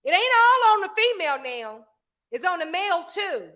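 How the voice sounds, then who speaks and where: A woman's voice: very high-pitched, very animated, normal speed, pushed and bright. A woman hosting a live stream, talking emphatically to viewers, reading their comments and preaching a little. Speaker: livestream host.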